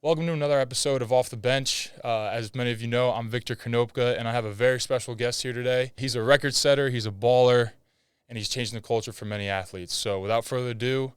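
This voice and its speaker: A man's voice: mid-range voice, fairly even intonation, quick pace, clean tone, no echo, clean studio sound. A young man hosting a casual podcast interview, laid-back and slangy, saying "bro" and "like.". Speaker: podcast host.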